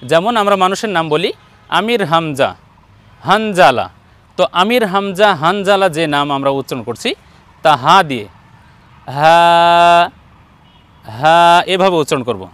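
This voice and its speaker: A man with a Bangladeshi Bengali accent teaching Arabic letter pronunciation in an online Quran lesson, speaking slowly and patiently and drawing out each letter sound. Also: high-pitched, animated, a bit bright, dry recording. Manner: slow, patient, drawn-out letter demonstrations.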